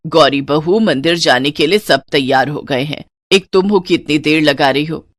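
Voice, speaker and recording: A woman's voice: deep voice, moderate pace, no echo, pitched below the performer's own voice. A woman voicing a strict, old-fashioned elderly mother-in-law who talks in a stern, scolding way.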